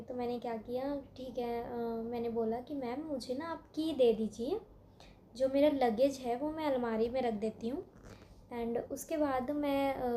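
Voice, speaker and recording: Brief: young woman vlogger, high mellow voice, animated storyteller, faint room hum. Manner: animated retelling, acting out both sides of a phone argument. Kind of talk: casual storytelling vlog.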